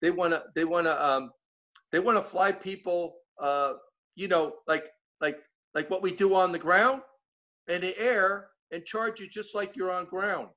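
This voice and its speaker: A man's voice: high-pitched, measured pace, pushed and bright. A man with an East Coast American accent, chatting casually as a guest and rambling through many restarts. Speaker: guest giving updates. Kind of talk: casual chat.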